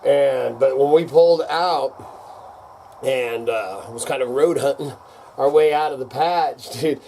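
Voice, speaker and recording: A man's voice: mid-range voice, slow, mellow, a little hiss or hum. An older man with a rural American accent, ranting off the cuff in a rowdy, folksy redneck way, salty and full of man and dude. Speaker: vlogger. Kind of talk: casual off-the-cuff rant to camera.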